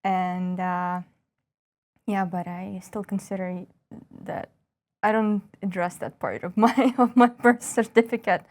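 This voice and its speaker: A Ukrainian-accented woman in her thirties, a stand-up comic guesting on an interview. She talks casually with dry, self-mocking humor at an everyday middle pitch. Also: fairly even intonation, slow pace. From northwest Ukraine. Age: 30s.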